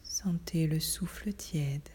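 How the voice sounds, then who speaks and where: A woman whispering a guided relaxation in a soft, breathy, soothing voice, with slow delivery and long pauses. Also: sits low.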